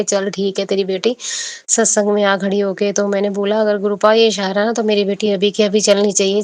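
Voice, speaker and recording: A young woman sharing an emotional devotional testimony, telling her story with a lot of repetition. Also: mid-range voice. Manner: emotional, storytelling, repeating herself often.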